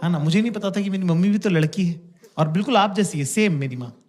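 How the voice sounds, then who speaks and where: A man's voice: sits high, fast. A man in his thirties performing a stand-up comedy set, telling stories about his parents and acting out their voices. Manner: storytelling, acts out parents' voices. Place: stage before a laughing audience. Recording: live stage mic, loud crowd and noise.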